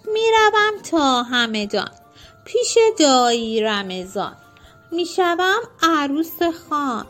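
A vain young cockroach lady from a children's storybook, high and lilting, as a woman puts her on. She talks in a haughty, singsong way, pitched well above a grown woman's usual voice, with soft music behind. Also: big pitch swings. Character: prim vain female cockroach, young bride-to-be.

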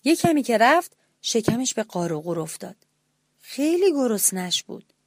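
A woman reads a children's story aloud with lively expression and asks the young listeners questions. Her voice sits fairly high and the recording is dry and close. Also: dry recording. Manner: expressive, animated.

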